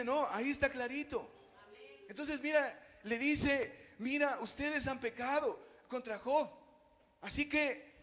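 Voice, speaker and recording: A man, a pastor preaching a sermon in a church, calling out to the congregation and swelling loud on key phrases. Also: very high-pitched, big-room sound. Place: church hall.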